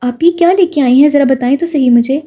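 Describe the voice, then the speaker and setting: A woman's voice: high-pitched, warm tone, close to an everyday voice. A woman voicing a cheeky teenage girl who talks back in a mocking way. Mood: sassy. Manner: sassy, mocking. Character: cheeky teenage girl, sassy younger sister.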